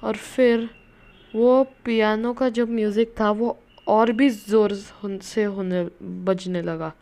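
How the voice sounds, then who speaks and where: A woman's voice: mid-range voice, steady tone, slow, mellow. A woman telling a story in a casual way, often stopping to search for words.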